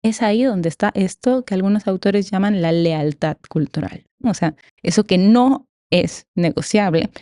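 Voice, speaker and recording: Mujer mexicana de voz suave y cálida. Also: female voice, mid-range voice, normal speed, hardly any pauses, dark tone, no echo, clean studio sound. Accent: Mexican Spanish. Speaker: academic guest. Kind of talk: conversational explanation in a podcast interview.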